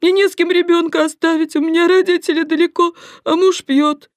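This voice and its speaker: A woman's voice: extremely high pitch, fairly even intonation, fairly quick, dry recording, clean studio sound, pitched above the performer's own voice. Woman doing a wailing young pregnant blonde. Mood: pleading, tearful. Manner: wailing, pleading.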